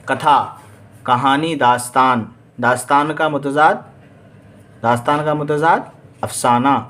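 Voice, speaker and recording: A man's voice: mid-range voice, fairly even intonation, a bit bright. Indian urdu teacher guy going thru word meanings, repeats stuff, asks the class. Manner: reads word then meaning, repeats and quizzes students. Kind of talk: exam vocabulary lesson.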